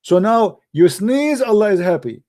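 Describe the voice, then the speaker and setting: A man delivering an animated, sarcastic ranting monologue in broken English grammar, often breaking into mocking laughter. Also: sits high, normal speed. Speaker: online commentator.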